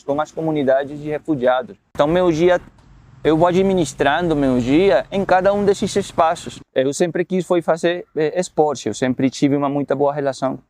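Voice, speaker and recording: A man working in a university refugee program, speaking in a documentary interview. He explains his ideas in a reflective, measured way. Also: on the high side, darkish tone.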